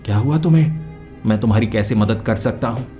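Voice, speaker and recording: A man narrating a horror story who voices a sly middle-aged male vampire lord with a calm, questioning, slightly mocking manner. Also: lowish voice, fairly quick, faint music behind, close to an everyday voice.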